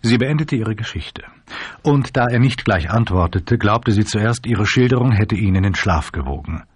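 A man narrating an audiobook in a measured storytelling manner. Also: lowish voice, lively intonation, slightly rough, dry recording.

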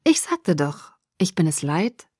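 A woman doing a hushed, teasing young man. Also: big pitch swings, a little slow, slightly rough, no echo, studio quality, full character voice. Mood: softly teasing. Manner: quiet, hushed and low. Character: teasing mysterious young man, soft-spoken.

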